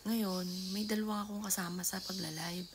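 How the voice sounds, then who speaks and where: A middle-aged woman telling a vlog story at home, often half-whispering and now and then bursting into loud calls. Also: mid-range voice, fairly even intonation, normal speed. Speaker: vlogger. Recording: noisy home ambience.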